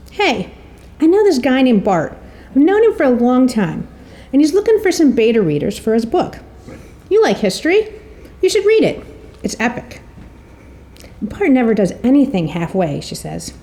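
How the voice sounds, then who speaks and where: A slightly high, warm voice belongs to a middle-aged woman presenting a prepared introduction. She tells stories in a way that is articulate, wry and a bit theatrical.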